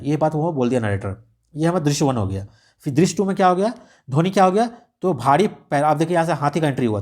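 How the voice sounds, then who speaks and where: A man's voice: fairly high pitch, a little mellow. A man, tutoring exam students through a radio script step by step, repeating and rephrasing as he goes. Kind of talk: explaining a radio script in a lesson.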